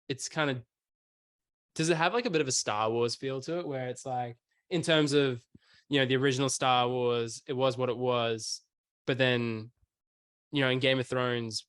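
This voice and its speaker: A man's voice: mid-range voice, measured pace, pauses often, clear, resonant tone, no echo, clean studio sound. A young man, hosting a casual podcast chat and telling stories with acted-out quotes. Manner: animated storyteller, acts out quotes. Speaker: podcast host.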